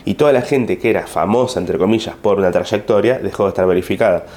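Argentine male comic, lowish voice, chatty and rambling, casual story to camera. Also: fast talker. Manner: rambling, animated retelling with frequent fillers. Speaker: comedian.

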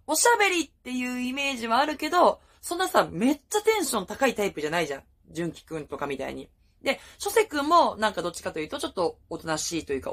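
A young woman chatting casually as a fan vlogger, gushing about idols with many fillers. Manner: chatty, gushing, lively rises in pitch. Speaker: idol fan YouTuber. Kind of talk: casual fan talk, reaction vlog.

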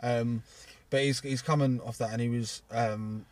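Brief: young man, podcast co-host, relaxed and halting delivery, a little off mic. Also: medium pitch, distant mic. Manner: easygoing, halting, many fillers. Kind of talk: casual chat.

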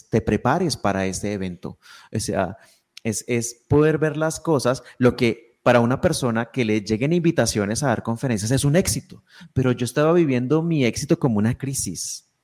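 A man's voice: medium pitch, darkish tone. Reflective man explaining ideas in conversation. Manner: reflective, explanatory, frequent restarts. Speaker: guest speaker. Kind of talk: conversational podcast talk.

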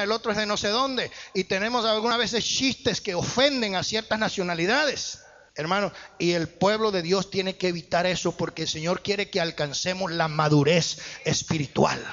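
A man delivers a sermon in a church hall, his slightly bright, high-sitting voice rising in emphatic bursts. The recording carries a muffled echo from the hall.

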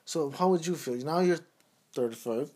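A man's voice: fairly high pitch, normal speed, dark tone. A man in his thirties co-hosting a casual talk show, speaking in an earnest, preachy, emphatic way. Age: 30s. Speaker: podcast co-host.

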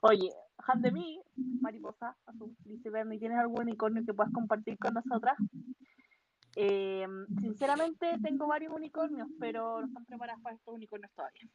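A Chilean woman with a high voice tells a story in casual chat. She talks in an animated, slangy way. The sound is dull and dry, with no room echo. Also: brisk.

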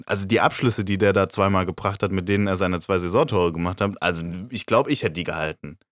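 A man with a fairly low voice chats about football as a podcast co-host, opinionated and rambling, with a laugh never far off. The sound is dry and close, with little room around it. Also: fast, no echo. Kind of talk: casual football chat.

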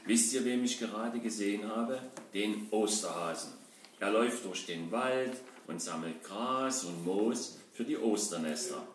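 A man's voice: fairly low pitch, unhurried, slight background noise, lightly acted. A man voicing a sly, greedy robber who talks to children in a conspiratorial, mock-threatening way, in a children's audio puppet play. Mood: sly gleeful. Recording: echoey room from a distance.

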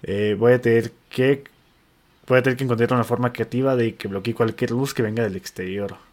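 A man with a Mexican accent and a medium-pitched voice talks briskly as he reads posts aloud to a buddy. The chat is casual and relaxed, full of slangy asides and false starts.

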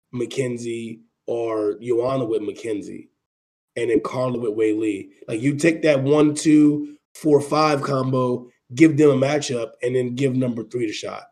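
Mellow-voiced man hosting a sports panel. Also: mid-range voice. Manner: halting, repeats and restarts phrases. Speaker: panel host. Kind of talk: casual sports panel discussion of MMA.

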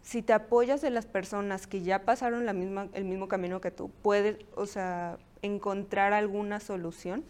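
A woman's voice: medium pitch, steady tone, moderate pace, hardly any pauses, a little mellow. A woman, a guest entrepreneur in a podcast interview, speaking casually and filling her speech with "o sea". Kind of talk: conversational interview.

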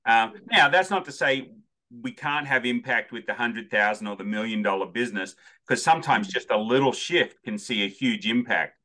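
A man's voice: mid-range voice, normal speed, sharp tone. A man hosting an interview, chatty and joking, asking playful questions. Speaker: podcast host. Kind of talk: casual interview conversation.

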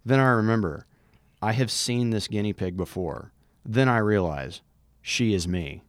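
Low-voiced man reading a story aloud. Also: measured pace, dry recording, studio quality. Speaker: podcast co-host.

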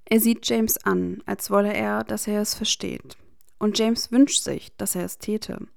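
A woman narrating a fan fiction as an audiobook reading, expressive and measured. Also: medium pitch, vocal fry, no room sound, clean studio sound.

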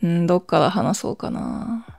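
A woman's voice: fairly low pitch, normal speed, gravelly, darkish tone, faint music behind. A woman in her forties hosting her own podcast at home at night, chatting in a rambling way, laughing at herself and keeping her voice down. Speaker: podcast host. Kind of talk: casual solo chat.

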